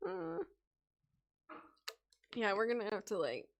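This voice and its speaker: Woman storyteller on a live stream, voice getting worn, keeps it soft and chatty, a bit high-pitched. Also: wildly swooping pitch, slow pace, vocal fry, background noise. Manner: chatty, laughs often between readings; softer, less forceful delivery to rest the voice. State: voice getting tired. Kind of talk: live-stream reading of character backstories.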